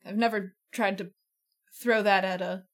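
A woman's voice: medium pitch, steady tone, moderate pace, fairly bright tone. A woman hosting a radio show from a living room studio, chatty and patient as she explains words, often laughing. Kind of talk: casual chat.

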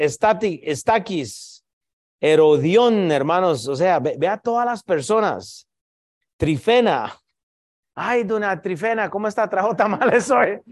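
A man preaching a sermon, lively and direct, with joking asides to the congregation. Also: high voice.

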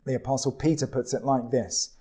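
A man preaching a sermon in a slow, deliberate way, with dramatic pauses. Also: mid-range voice, fairly even intonation, dark tone, slightly rough.

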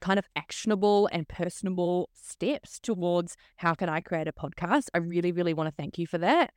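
A woman's voice: fairly low pitch, smooth, dry recording, studio quality. A woman podcast host with a broad New Zealand accent, speaking informally and effusively as she interviews.

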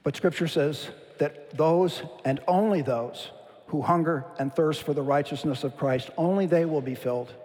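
A man's voice: on the high side, a little mellow. Preaching man in an echoing sanctuary. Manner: measured preaching with slow emphatic phrase endings. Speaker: pastor. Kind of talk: sermon. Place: church sanctuary. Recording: long hall reverb.

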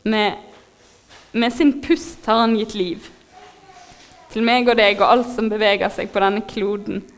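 A woman preaching a sermon in a heartfelt, moved way, pausing with fillers as she speaks. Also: medium pitch, fairly even intonation. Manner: heartfelt, moved, laughs softly, pauses with fillers.

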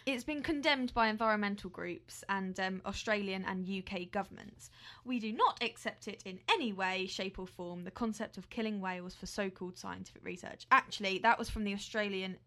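A woman's voice: medium pitch, a little fast, a bit bright. A young woman co-hosting a casual news podcast, playful and jokey, reading out quotes. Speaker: podcast co-host.

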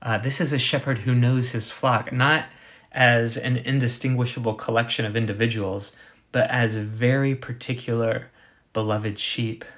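A man preaching a sermon, measured and emphatic, slowing down to dwell on quoted scripture. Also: mid-range voice, steady tone, a bit bright. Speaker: pastor.

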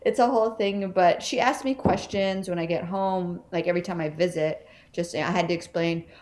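A woman's voice: lowish voice, moderate pace, a little mellow. A woman from Texas talking candidly as an interview guest, laughing often and acting out her family's words. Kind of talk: casual conversation.

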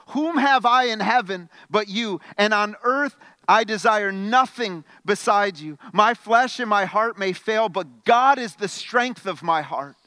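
A man preaching a sermon as pastor, conversational, stumbling over repeated words, swinging between loud emphatic bursts and quiet questions. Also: high voice, no echo.

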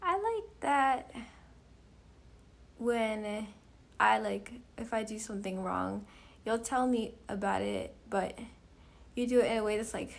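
A woman's voice: medium pitch, animated, slow, creaky. A young woman talking with her mother, hesitant and full of fillers, trailing off into whispers. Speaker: daughter. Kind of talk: casual conversation.

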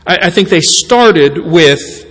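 A man's voice: fairly high pitch, lively intonation, slow pace, fairly bright tone. A man preaching a sermon as a pastor, in a conversational way with stammered restarts and self-deprecating asides. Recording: long hall reverb.

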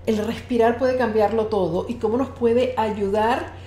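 Higher-voiced female podcast host, roomy sound. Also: fairly even intonation, moderate pace, dark tone. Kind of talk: casual live hosting, addressing the audience.

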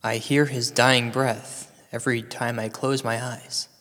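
A man's voice: mid-range voice, level tone, a little slow, fairly bright tone, lightly acted. An actor playing a paranoid, self-pitying paranormal radio host in an ominous late-night storytelling style, rambling and half-joking in his drama. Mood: troubled, insistent. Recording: long hall-like reverb.

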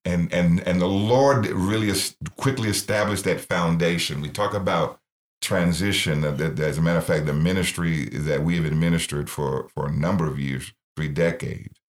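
A man's voice: sits low, moderate pace. A middle-aged man, founder of a ministry, earnestly telling his life story in an interview and acting out the voices he quotes. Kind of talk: personal testimony in interview.

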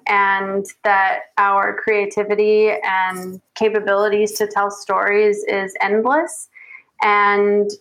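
A woman photojournalist from the United States answering interview questions in an earnest, measured way, with frequent restarts. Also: medium pitch, fairly bright tone, rough recording. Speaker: guest photojournalist.

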